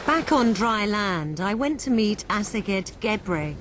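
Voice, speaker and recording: A woman presenting and narrating a nature documentary in a measured, scripted voice-over style. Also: medium pitch, animated, fairly bright tone, a little hiss or hum.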